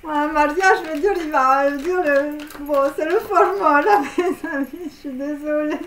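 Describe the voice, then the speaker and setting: A woman's voice: high-pitched, normal speed, a bit bright, roomy sound, a little hiss or hum. A woman giving a casual tarot reading, rambling with many fillers and tag words and giggling at her own jokes. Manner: rambling, heavy on fillers and tags. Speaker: tarot card reader.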